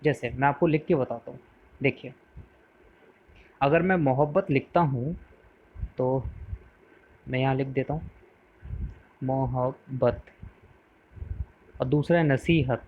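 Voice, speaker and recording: A man's voice: mid-range voice, slow pace, long pauses. A man teaching poetry in a patient lesson, repeating key words, asking the viewer questions and mixing in English terms. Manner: mixes English words into explanations. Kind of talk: explanatory lesson. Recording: narrow phone-like sound.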